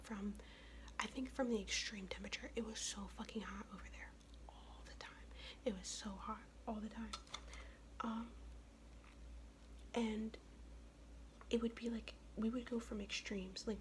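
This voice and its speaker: A young woman whispers right into the mic, her voice raspy and worn from illness. She tells a blunt, profanity-laced story in a chatty whispered ASMR style, at a middle pitch. A faint hiss sits under her voice. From United States. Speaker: ASMR vlogger.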